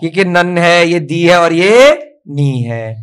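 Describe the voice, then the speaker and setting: A man teaching children to write a script in a classroom, coaxing and praising them and spelling out each stroke slowly. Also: fairly high pitch, animated, clean tone, poor audio.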